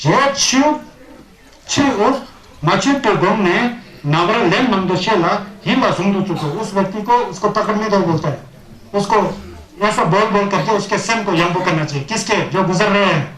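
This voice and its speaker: Male Buddhist teacher, high-pitched voice, reads scripture lines then explains them conversationally, roomy echo. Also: a bit bright. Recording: roomy, echoey recording.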